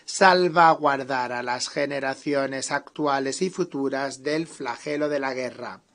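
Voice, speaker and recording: A man's voice: on the high side, a bit bright. A man presiding over an assembly, reading ceremonial announcements and introductions in a formal manner. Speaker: assembly president chairing the session. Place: large assembly hall.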